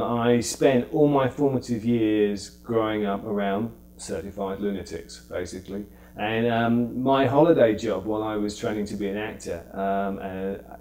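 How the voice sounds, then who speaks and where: A middle-aged British comedian chatting as an interview guest, telling stories with quick acted-out asides. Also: male voice, on the low side, darkish tone. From United Kingdom. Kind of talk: casual interview anecdotes.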